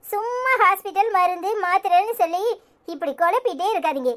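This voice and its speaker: A woman doing a high, bossy young wife with a Tirunelveli Tamil accent. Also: animated, brisk, fairly bright tone. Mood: dismissive. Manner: scolding, defiant. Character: sharp-tongued young wife, defiant and bossy. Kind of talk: cartoon voice acting.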